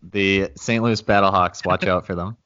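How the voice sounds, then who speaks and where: A man's voice: low-pitched, steady tone, moderate pace, sharp tone, clear, resonant tone, lo-fi sound. A man, a regular podcast guest, chatting in easygoing, friendly banter. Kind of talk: casual podcast chat.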